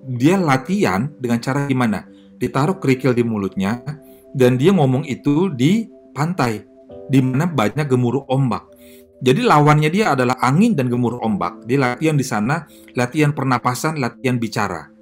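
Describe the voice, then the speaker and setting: Male pastor, mid pitch, conversational sermon delivery, frequent fillers, faint guitar underneath. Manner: lively, chatty preaching with audience questions; filler-heavy, self-correcting delivery.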